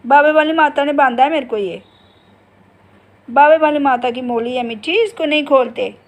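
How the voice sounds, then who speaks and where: Chatting casually with viewers at home, in the bedroom and kitchen, a middle-aged woman vlogger talks baby talk to her pet bird. Her voice sits high and moves at a moderate pace.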